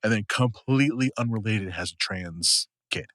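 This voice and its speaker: A man's voice: lowish voice, moderate pace, fairly bright tone, dry recording. A man co-hosting a casual podcast chat, a bit tipsy and slurring slightly, rambling with many restarts and fillers. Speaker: podcast co-host.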